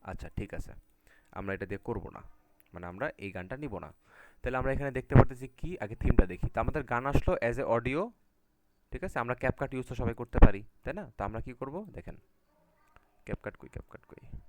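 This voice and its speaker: A man's voice: medium pitch, animated, brisk, noisy background. A man teaching a live online class over a video call, talking casually and often checking in with his students. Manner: casual, repeats "ঠিক আছে?" to check in with students.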